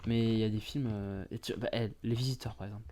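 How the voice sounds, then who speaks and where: A man's voice: fairly low pitch, steady tone, fast talker, warm tone, a little hiss or hum. Guy rambling through a casual chat, lots of ums and laughs. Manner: rambling, hesitant, laughs often. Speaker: podcast co-host. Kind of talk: casual banter.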